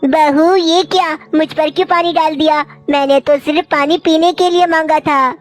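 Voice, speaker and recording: A woman's voice: high-pitched, steady tone, moderate pace, fairly bright tone, faint music behind. A woman voicing an old mother crow who complains and pleads, in a cartoon. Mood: wounded. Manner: plaintive, complaining. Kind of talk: cartoon voice acting.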